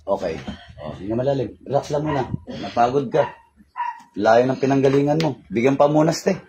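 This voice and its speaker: A man's voice: mid-range voice, expressive, brisk, dark tone. A man leading a healing session as a faith healer, sternly scolding and pressing with repeated questions. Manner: stern, keeps demanding "ha?". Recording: noisy room recording.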